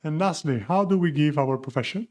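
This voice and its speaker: A man, talking a little higher than most men. He teaches a beginner lesson in an easy, patient way, putting questions to the listener and then answering them himself. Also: brisk, darkish tone. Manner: patient, asks questions and answers them, mixes English and Spanish. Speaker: Spanish teacher. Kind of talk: language lesson explanation.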